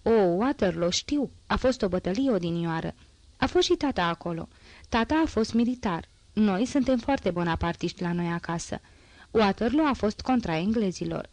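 A woman voicing a poor teenage girl with a hoarse, strained voice, chatty and boastful yet anxious, in a dry audiobook reading. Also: medium pitch, lively intonation, darkish tone, no echo, natural voice.

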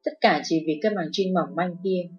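A woman reads a first-person story in a steady, emotive narrator's voice. The sound is dull and lo-fi, with faint music playing softly behind her. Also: on the low side, moderate pace.

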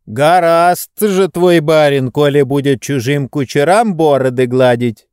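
A sneering, sarcastic coachman, taunting in a raised, mocking tone, as a man voices him in an audiobook. He speaks slowly, and the recording is dry and close. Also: fairly high pitch, a little mellow, clean tone, no room sound, pitched above the performer's own voice, close to an everyday voice. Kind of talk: audiobook reading.

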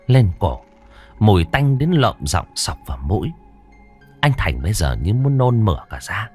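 A man's voice: on the low side, darkish tone. Dramatic man narrating a horror tale. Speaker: audiobook narrator. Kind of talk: first-person horror story narration.

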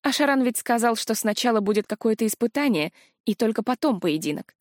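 A woman's voice: a little high, lively intonation, brisk, no echo, lightly acted. Brief: woman reader as an earnest, stubborn young heroine, close dry read, near her own voice. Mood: worried.

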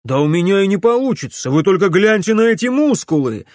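Man doing a defiant, gruff young man. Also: fairly high pitch, big pitch swings, a little slow, no echo, clean studio sound, pitched above the performer's own voice. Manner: grumbling, defiant, loud.

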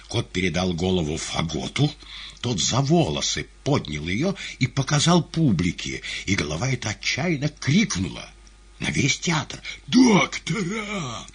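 Husky, expressive male audiobook narrator. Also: sits low, normal speed. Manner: expressive, dramatic reading.

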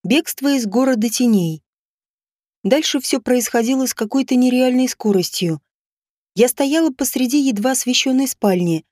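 A woman narrating a first-person audiobook in a steady, measured reading with quiet emotion, close to the mic. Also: fairly high pitch, no room sound.

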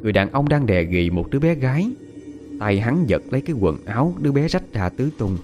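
A man narrating a ghost story in a dramatic, expressive storytelling manner. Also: medium pitch, brisk, music in the background. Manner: dramatic, expressive, panicked cries in character.

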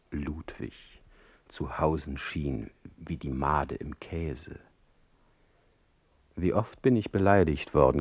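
In a radio play, a male actor with a bass voice, slightly mellow, portrays a proud, sardonic poet in exile. His heavily acted monologue is eloquent, ironic and deliberately phrased, carrying a wry, wounded mood over a dry recording.

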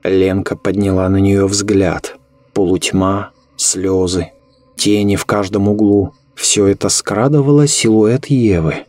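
A man narrating a horror story in a measured, ominous way. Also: lowish voice, fairly even intonation, a little mellow.

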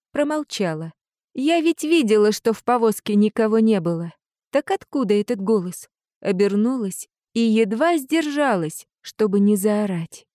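A woman narrating a first-person fantasy audiobook in an expressive, lively way. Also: mid-range voice, no echo, clean studio sound.

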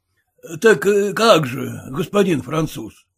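A man voicing a domineering, boastful middle-aged merchant who speaks with deliberate gruffness. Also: on the high side, animated, exaggerated voice.

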